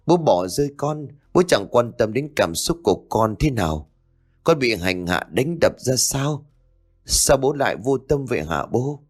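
A man voicing the ghost of a young man who weeps and pleads, reproaching his father in a raised, lively voice. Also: mid-range voice, a little slow, pitched above the performer's own voice. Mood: bitter. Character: wronged ghost of a young man, wailing and bitter.

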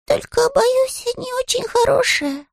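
A polite, earnest little bear cub from a storybook speaks in a very high voice that leaps all over, as a woman puts him on. The voice has a gravelly edge and a close, dry sound. He is patient even when misunderstood. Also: measured pace, dry recording, exaggerated voice. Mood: apologetic.

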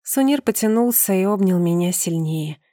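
Mellow-voiced woman reading an audiobook. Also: medium pitch, no room sound, studio quality. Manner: calm, measured reading. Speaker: audiobook narrator. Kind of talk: scripted first-person narration.

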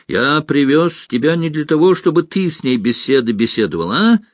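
A man's voice: a little high, very animated, moderate pace, no echo, pitched above the performer's own voice. A man voicing an imperious, hot-tempered prince who barks orders in an audiobook. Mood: impatient. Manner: barking, imperious.

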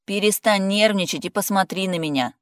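A reader voicing a calm male friend who teases and talks matter-of-factly. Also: high-pitched, fairly quick, no room sound, studio quality, voice pushed up. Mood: teasing. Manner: teasing, matter-of-fact. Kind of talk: audiobook character voice.

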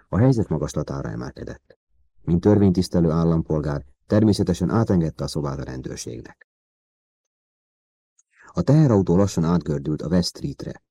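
Deep, very dark-voiced male narrator. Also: no echo, clean studio sound. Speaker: audiobook narrator. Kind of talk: scripted audiobook narration.

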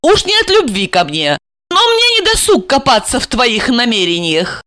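A woman voicing a frightened, accusing young wife with a shrill, tearful manner. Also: wildly swooping pitch, normal speed, sharp tone, no room sound, full character voice. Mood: bitter accusing.

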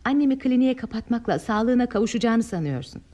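An actress playing an anguished, defiant adult daughter in old radio theatre style, earnest and formally articulated. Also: female voice, on the high side, expressive, quick pace, mellow. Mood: accusing, anguished. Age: late 30s.

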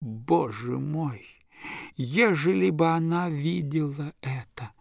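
An imperious old countess grandmother, pitched above the reader's own voice, as a man reads her lines. She drags out her words slowly and with cold command. The sound is dry and close. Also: very animated, dry recording, heavily acted. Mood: tearful. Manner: slow, commanding, reproachful.

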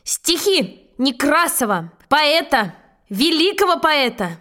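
A woman voicing a cheeky young schoolboy who bluffs loudly and declaims in a drawn-out sing-song. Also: sits high, sing-song, pitched above the performer's own voice, heavily acted. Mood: declaiming.

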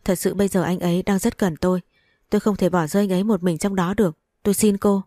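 A woman voicing a frantic young wife in a read-aloud story, pleading in quick, breathless bursts. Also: medium pitch, fairly even intonation, mellow, dry recording, studio quality, close to an everyday voice. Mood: desperate pleading.

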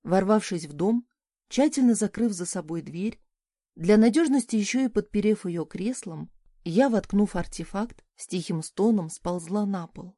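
A woman narrating a first-person audiobook in a lively, expressive reading. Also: mid-range voice, moderate pace, no echo, clean studio sound.

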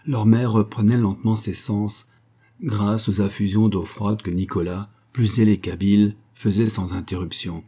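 A man narrating an adventure audiobook with a steady, dramatic reading. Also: lowish voice, normal speed, slightly rough.

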